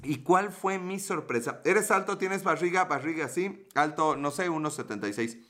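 A man's voice: a little high, expressive, moderate pace, fairly bright tone. A man in his thirties with a Mexican Spanish accent, hosting a casual livestream, telling a story and joking with viewers' comments in a playful, chatty way. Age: 30s. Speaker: livestream host.

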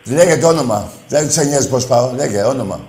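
A man hosting a call-in radio show, combative and insulting toward callers, swinging between loud outbursts and low muttering. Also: expressive, echoey room, crowd noise. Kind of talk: heated call-in show banter.

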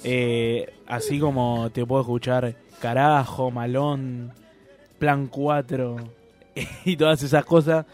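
A man with a Rioplatense Spanish accent co-hosting a radio show, telling stories in animated street slang. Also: mid-range voice, slow pace, soft background music. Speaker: radio co-host. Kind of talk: casual radio banter.

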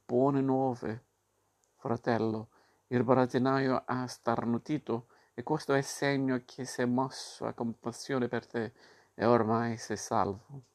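A man reading aloud and voicing a timid male puppet who speaks in a hushed whisper. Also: mid-range voice, fairly even intonation, slow, close to an everyday voice. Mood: hushed relief. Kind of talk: audiobook reading.

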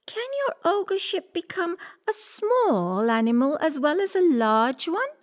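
A woman voicing a clever, scheming female cat who speaks in a high, flattering, pleading way in a storybook reading. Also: unhurried, exaggerated voice.

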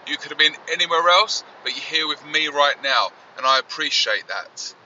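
A man's voice: fairly high pitch, animated, moderate pace, sharp tone, distant mic, lo-fi sound. A man hosting his podcast, talking earnestly and reflectively while driving, his voice coming through with a fuzzy distortion. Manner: reflective, earnest, rambling restarts. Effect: fuzzy distorted sound. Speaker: podcast host. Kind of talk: casual spoken monologue. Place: inside a moving car. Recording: distorted, noisy in-car recording. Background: faint road and engine noise.

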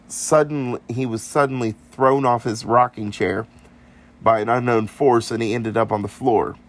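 A man co-hosting a podcast, casually retelling a ghost story and slipping into silly voices for the people in it. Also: medium pitch. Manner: playful, drops into silly voices for quoted people. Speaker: podcast co-host.

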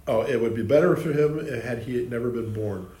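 A man's voice: mid-range voice, fairly quick, mellow. A man leading a group Bible study, explaining the text with restarts and questions to the group. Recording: echoey room with faint ambience.

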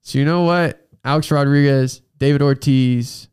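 A man's voice: medium pitch, moderate pace, a little mellow, clear, resonant tone, no echo, clean studio sound. An American man hosting a casual, joking talk podcast with a froggy, congested voice from a sinus infection, speaking in an emphatic, self-deprecating way. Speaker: podcast host.

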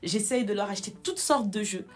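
A young woman with a mid-range voice talks a little fast in a candid personal interview. She speaks earnestly, becomes animated while recounting events, and repeats words for emphasis.

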